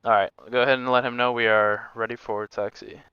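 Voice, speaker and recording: A man's voice: medium pitch, little pitch movement, fairly quick, clear, resonant tone, dry recording, highs cut off. A man livestreaming a flight simulator, chatting casually and making pilot radio calls.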